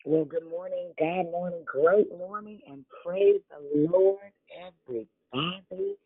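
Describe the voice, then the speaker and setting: A man's voice: high-pitched, very animated, unhurried, vocal fry, husky, no room sound. A man leading a prayer call in fervent praise, his voice muffled as if heard through a wall over a phone line.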